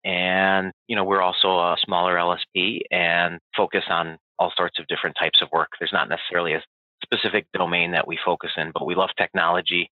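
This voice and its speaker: A man's voice: low-pitched, little pitch movement, fairly quick, no echo. A man, founder of a company, introducing himself in an easygoing way on a panel. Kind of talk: panel discussion. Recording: dry, phone-like sound.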